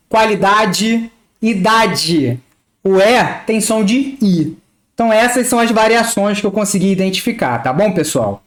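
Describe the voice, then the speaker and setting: A female language teacher with a Rio de Janeiro Portuguese accent gives a careful pronunciation lesson. She speaks very slowly and deliberately with lively pitch, spelling out letters and words one at a time.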